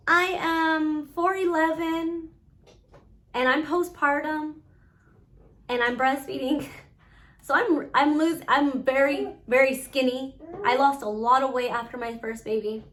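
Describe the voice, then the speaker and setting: A woman recounts her own experience in a personal vlog, speaking slowly and earnestly with frequent pauses. Her voice sits a little high. Her words come out halting and careful. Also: fairly bright tone. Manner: halting, pausing often, earnest. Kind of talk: personal storytelling monologue.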